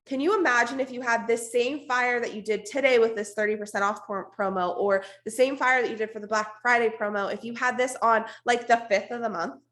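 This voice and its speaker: Hoarse, strained woman giving a pep talk. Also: on the high side, steady tone, brisk, hardly any pauses, fairly bright tone. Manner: informal, emphatic, repeats for stress, blunt. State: hoarse, losing her voice, coughing now and then. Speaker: network marketing team leader hosting an online meeting. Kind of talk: unscripted motivational team talk. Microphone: video call.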